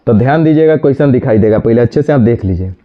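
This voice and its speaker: Scolding teacher. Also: male voice, medium pitch, lively intonation. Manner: scolding, brisk, addresses students directly. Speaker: reasoning teacher. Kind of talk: classroom lecture. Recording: dull lo-fi sound.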